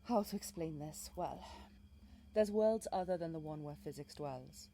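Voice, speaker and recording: A woman with a Welsh accent voicing a mysterious, protective fae guide in an intimate audio role-play, with lyrical, gently commanding phrasing. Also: deep voice, moderate pace, slight background noise, natural voice. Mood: solemn, cautionary. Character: mysterious female fae guide, protective, wry, ancient storyteller.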